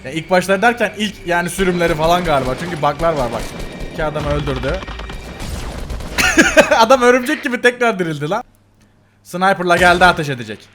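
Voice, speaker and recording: Man, high voice, lively pitch, laughing game commentary, repeats himself, loud background music. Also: fast talker. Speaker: gaming video host. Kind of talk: casual commentary over game clips.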